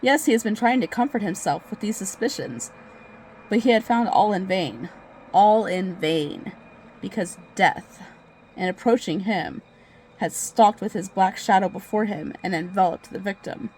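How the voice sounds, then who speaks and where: A nervous, obsessive murderer tells a gothic horror tale, acted out by a woman in a medium-pitched voice. The delivery is hammy and theatrical, as on a stage, with words drawn out and repeated for gleeful, crazed emphasis. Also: measured pace, a little mellow, a little hiss or hum, natural voice, poor audio. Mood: brooding dread. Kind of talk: dramatic reading of a gothic horror story.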